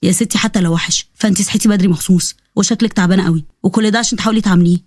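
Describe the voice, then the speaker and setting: A woman's voice: medium pitch, steady tone, racing, a little mellow, no room sound, voice pushed down, lightly acted. A woman voicing a proud, sarcastic young man with an Egyptian accent, speaking in a dry, wry manner.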